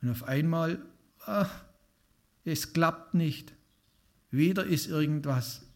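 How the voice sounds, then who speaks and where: A man's voice: on the high side, slow. A man preaching an informal sermon to a congregation, talking conversationally and putting questions to his listeners. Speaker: lay preacher.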